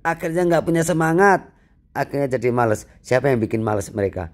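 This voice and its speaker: Man, English teacher, animated, rhetorical questions, repeats key points. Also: mid-range voice, a little fast. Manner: animated, asks and answers his own questions; repeats key phrases for emphasis. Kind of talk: free online English lesson.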